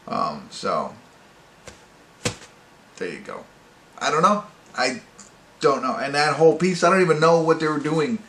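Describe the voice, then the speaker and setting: With a mid-range, creaky and slightly bright voice, an amateur host rambles through a casual movie review, hesitant as words escape him. Faint background noise and a roomy echo fill the recording.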